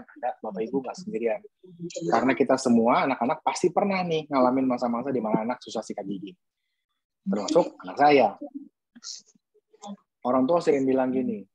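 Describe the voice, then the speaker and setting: A man's voice: mid-range voice, darkish tone, slightly rough, no echo, poor audio. A man who is a pediatric dentist, giving an earnest webinar talk to parents and posing emphatic rhetorical questions.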